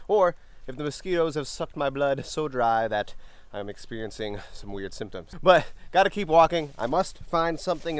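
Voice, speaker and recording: An American man in his thirties giving casual, excitable and playful commentary to a handheld camera as he hunts for treasure outdoors. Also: mid-range voice. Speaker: treasure-hunting vlogger. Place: outdoors along a wooded creek. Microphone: camera held at arm's length.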